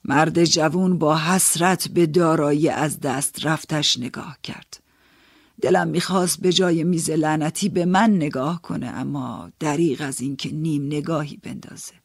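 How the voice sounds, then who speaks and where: Brief: male audiobook narrator, slightly high voice, measured, dry studio sound. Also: fairly even intonation, gravelly, no room sound. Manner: measured, storytelling, first-person.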